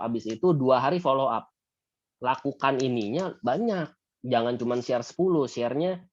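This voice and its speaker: A man coaching his insurance sales team at a meeting, in a loose, chatty way. His pitch sits in a middle register. The audio is a bit dull and lo-fi. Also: a little mellow. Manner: chatty, often ends points with a filler tag.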